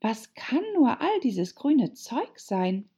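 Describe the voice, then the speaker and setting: A woman's voice: on the high side, very animated, slow, dark tone, breathy edge, pitched above the performer's own voice, full character voice. Woman playing an indignant little girl. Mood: earnest, flustered. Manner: indignant, truthful. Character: earnest, bewildered little girl. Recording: dull lo-fi recording.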